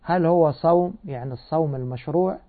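A man gives a patient Quran and grammar lesson. He asks questions and answers them himself. His voice sits a little high and comes through a thin, phone-like recording. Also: fairly quick. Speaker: Quran teacher. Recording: tinny phone-like sound.

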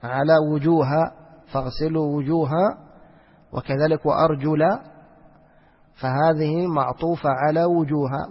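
Teaching a religious lesson on Quranic exegesis, a husky man with a fairly high pitch questions himself and supplies the answers, repeating phrases and easing his pace to recite verses. The lo-fi recording echoes with long hall reverb.

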